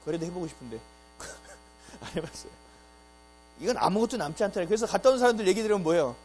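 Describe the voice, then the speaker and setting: Man, pastor, Sunday sermon, high voice, very expressive pitch, rhetorical questions. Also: fast, slight background noise, poor audio. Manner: animated preaching, rhetorical questions, acted-out quotes. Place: church sanctuary.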